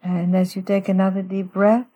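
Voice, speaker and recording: A woman guiding a breathing meditation in a soothing sleep-story manner, giving gentle, unhurried instructions with long pauses. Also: mid-range voice, level tone, lo-fi sound. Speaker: guest author leading a guided breathing meditation.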